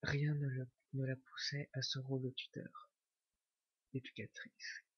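Man, whispered ASMR reading, dry close sound, flat even delivery, slow and hushed. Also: medium pitch, slightly rough, dry recording. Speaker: ASMR reader. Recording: dull lo-fi recording.

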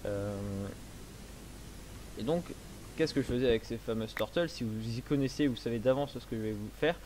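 A young man in a casual let's play, explaining his game setup slowly with many hesitations, speaking into a headset. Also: medium pitch, a little mellow, slight background noise. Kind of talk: casual gameplay commentary.

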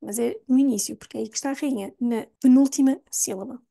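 Language teacher, woman, European Portuguese accent, somewhat high, slightly gravelly voice, slow clear demonstrations. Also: warm tone. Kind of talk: pronunciation lesson.

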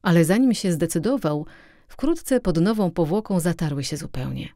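Woman reading an audiobook, low warm voice, steady and expressive, dry close mic. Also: normal speed, no room sound. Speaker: audiobook reader. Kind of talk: audiobook narration.

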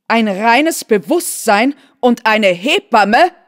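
A woman's voice: a little high, animated, measured pace, a little mellow. A woman voicing a stern, shocked noble mother who exclaims indignantly in a literary reading.

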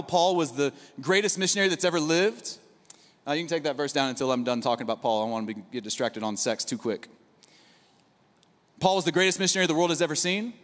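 A man in his thirties preaches from a large auditorium stage, holding a handheld mic. His voice sits high for a man, and his conversational delivery is full of asides. The sound carries a long hall reverb. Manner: energetic, conversational preaching with asides and rhetorical "right?". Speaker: pastor. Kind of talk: sermon.

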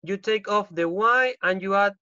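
A man's voice: high-pitched, unhurried, bright, forceful tone, clear, resonant tone, dry recording, highs cut off. A male English teacher with a Chilean accent, giving an online class and repeating each rule in Spanish with frequent "ok?" checks. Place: home. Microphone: computer mic on a video call.

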